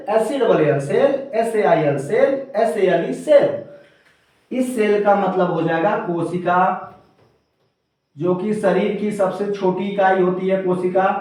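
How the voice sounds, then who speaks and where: High-voiced male teacher in an echoey room. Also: darkish tone. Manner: spells words letter by letter, repeating each term. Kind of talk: grammar lesson. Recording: roomy echo, from far off.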